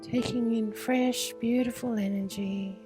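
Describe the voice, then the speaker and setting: Slow, soothing woman guiding meditation. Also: on the high side, fairly even intonation. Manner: slow, soothing, drifting into soft whispers. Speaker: meditation guide. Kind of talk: guided meditation. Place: outdoor retreat under a pyramid structure. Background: instrumental music.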